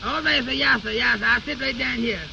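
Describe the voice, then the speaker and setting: An anxious, high-voiced, creaky fellow. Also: male voice, brisk, exaggerated voice. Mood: flustered, polite. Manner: stammering repetitions, deferential, folksy ungrammatical speech. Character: anxious, humble, naive man, easily flustered. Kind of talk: 1930s-40s radio comedy acting. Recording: muffled, noisy old radio recording.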